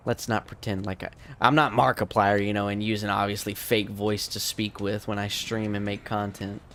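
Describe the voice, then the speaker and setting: This is casual livestream chat from an American streamer and language teacher, gaming late at night, exhausted and losing his voice. He talks to viewers at a moderate pace in a fairly low, level, slightly bright voice, rambling easily, over a faint hiss or hum.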